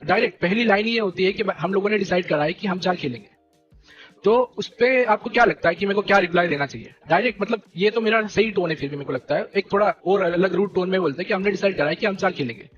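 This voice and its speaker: A man's voice: sits high, fast, lo-fi sound, over music. Indignant young man ranting on stream. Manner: animated and indignant, keeps repeating "theek hai" and "bhai". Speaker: esports team leader streaming to viewers. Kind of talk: heated live-stream rant.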